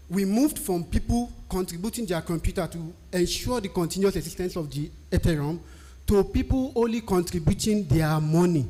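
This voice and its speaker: A Nigerian man with a Nigerian accent, whose first language is a Nigerian language rather than English, gives a live-stream talk explaining technical writing, often posing and answering his own questions. His voice is high-pitched with a dark tone.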